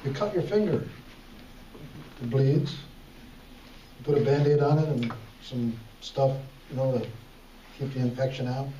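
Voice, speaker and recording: A man's voice: mid-range voice, unhurried, pauses often, warm tone, a little hiss or hum. A man doing comedy magic patter like a kids party magician and emcee, playfully coaxing the audience to respond. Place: echoey hall, talent show stage. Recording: echoey hall from far off, muffled, music and crowd.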